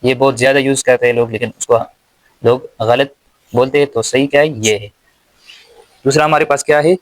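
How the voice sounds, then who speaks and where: A man with a Pakistani accent teaching English slowly and deliberately, pausing word by word and repeating his questions. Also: mid-range voice, fairly even intonation, dry recording, rough recording. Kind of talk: slow spoken English lesson.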